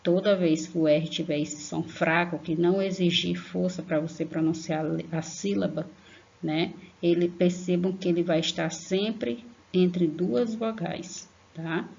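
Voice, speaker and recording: A Brazilian woman teaching an online grammar lesson to young children, affectionate, slowly spelling out syllables and checking in with a questioning "tá?". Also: lowish voice, fairly even intonation, creaky, darkish tone. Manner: affectionate, tags sentences with a questioning "tá?"; slow, emphatic spelling-out of syllables. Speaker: primary school teacher. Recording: lo-fi online class recording.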